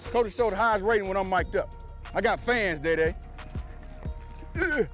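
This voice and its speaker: A football coach at outdoor practice, wearing a body mic, joking with players and shouting energetic drill commands. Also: male voice, high voice, normal speed, music in the background. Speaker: defensive line coach. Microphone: wireless body mic.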